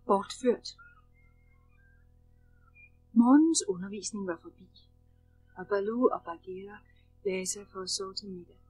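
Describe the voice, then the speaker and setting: A woman narrating a children's storybook in a lively, expressive way. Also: mid-range voice, pauses often, slightly rough, no echo, soft background music, low-quality recording. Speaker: audiobook narrator.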